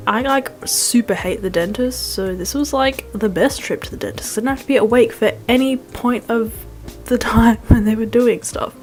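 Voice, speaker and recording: A woman's voice: on the high side, moderate pace, darkish tone. A young woman doing a casual vlog voice-over in a rambling, wry, self-deprecating way with slangy phrasing. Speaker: food vlogger. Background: music.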